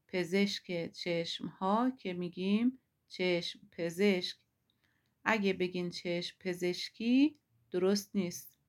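A woman teacher explaining a lesson slowly and carefully, stressing each foreign word before she translates it. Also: lowish voice. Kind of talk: Arabic lesson in Persian.

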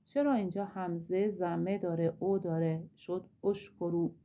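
A woman's voice: lowish voice, fairly even intonation, dark tone. A woman teaching a grammar lesson, explaining step by step with drill examples and asking rhetorical questions.

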